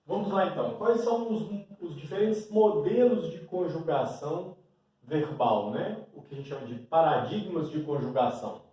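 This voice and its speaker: A male teacher with a high, warm, animated voice and a Brazilian Portuguese accent gives a grammar lesson at a classroom board at a moderate pace. He often checks in with a questioning "né?". The mic is far off in a very echoey room.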